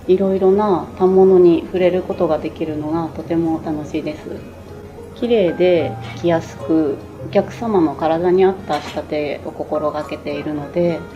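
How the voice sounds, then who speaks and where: Woman, kimono tailor, polite earnest answer, low voice, brisk pace, dull lo-fi sound. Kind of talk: interview answer.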